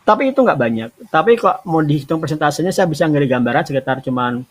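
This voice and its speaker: A man hosting a talk show with an Indonesian accent, giving casual, relaxed advice with hesitations and restarts. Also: on the high side, fast talker. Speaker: podcast host giving remote work advice.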